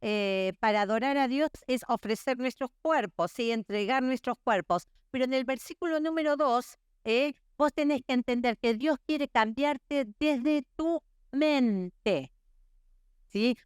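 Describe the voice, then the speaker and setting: A woman's voice: high voice, smooth, dry recording, clean studio sound. A middle-aged woman, preaching earnestly at a women's conference and often checking in with her listeners. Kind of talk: sermon.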